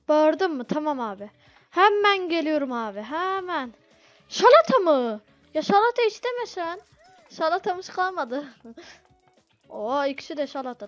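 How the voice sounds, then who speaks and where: A woman commenting casually on a restaurant game she is playing, flustered and begging her customers to be patient. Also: high-pitched. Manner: flustered, pleads with impatient customers. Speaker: gameplay video host. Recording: dull lo-fi audio with game music.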